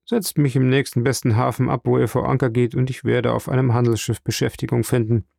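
A man's voice: medium pitch, level tone, brisk, vocal fry, darkish tone, no echo, studio quality. A man reading an audiobook, voicing a determined young seaman who speaks in an earnest, confident way.

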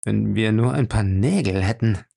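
A man voicing a brisk, commanding male captain in an audiobook, curt in his orders. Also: on the low side, vocal fry, warm tone.

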